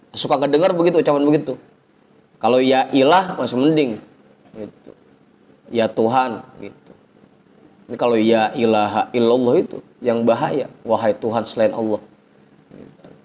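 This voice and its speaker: A man teaching an informal religious lesson, chanting Arabic phrases slowly, then explaining in a chatty, teasing way. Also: medium pitch, a little mellow. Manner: chatty, teasing the audience, colloquial asides. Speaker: ustadz teaching a religious study circle.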